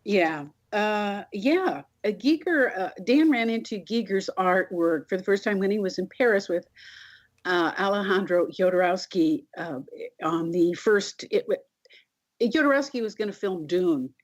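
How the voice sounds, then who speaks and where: A woman being interviewed, telling anecdotes casually in a halting way. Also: medium pitch, expressive. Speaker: interview guest. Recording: dull, lo-fi sound.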